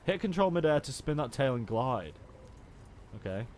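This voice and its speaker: A man's voice: medium pitch, big pitch swings, moderate pace, slight background noise. Chatty Stoke-accented man on a gaming stream. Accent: Stoke-on-Trent, English. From Stoke-on-Trent, England. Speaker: video game livestreamer. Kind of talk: casual gaming stream chat.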